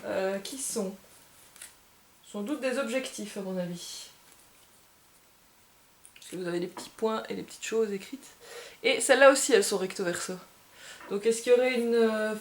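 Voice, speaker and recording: A woman's voice: fairly high pitch, a little hiss or hum. Chatty woman unboxing a board game. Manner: chatty, thinks aloud, gushes with delight. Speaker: board game bar presenter. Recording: echoey room.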